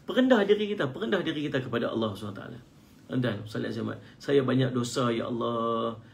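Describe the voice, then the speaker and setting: A man with a Malaysian Malay accent giving an online religious lecture, playful and fond of mimicking loud pleading prayers. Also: fast talker, gravelly. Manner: playful, mimics shouting pleaders in high cries. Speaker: religious teacher. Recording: faint background noise, live stream.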